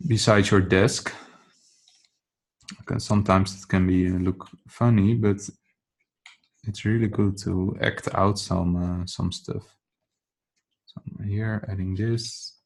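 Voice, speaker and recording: A Dutchman from the Netherlands speaks non-native English with a fairly low voice. He thinks out loud as he sketches during a laid-back drawing tutorial.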